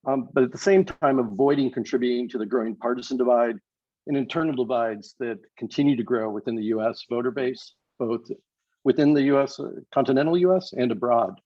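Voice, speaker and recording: A man giving a prepared candidate statement on a video call. He speaks in a measured way, with many hesitation fillers. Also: mid-range voice, dry recording, muffled recording. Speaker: candidate for party office.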